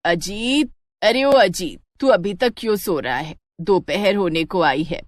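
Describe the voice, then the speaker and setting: A woman's voice: lowish voice, expressive, moderate pace, no room sound, natural voice. A woman voicing a mother who calls out and nags her lazy son, in a cartoon. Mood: scolding. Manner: calling out, nagging. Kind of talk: cartoon voice acting.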